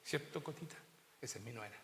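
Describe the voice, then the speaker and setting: A man's voice: mid-range voice, quick pace, a bit bright, a little hiss or hum. A middle-aged man with a Chilean accent preaching a sermon as pastor, often asking the congregation rhetorical questions. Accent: Chilean Spanish. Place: church. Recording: roomy church hall reverb.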